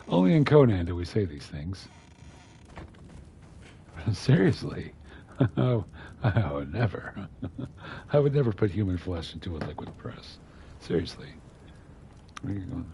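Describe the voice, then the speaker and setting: Gamer guy, very low gravelly voice, wry muttered play-by-play, faint hiss behind. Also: very animated, a little slow, long pauses, warm tone. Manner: muttering to himself, wry asides. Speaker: game streamer. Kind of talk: casual gameplay commentary.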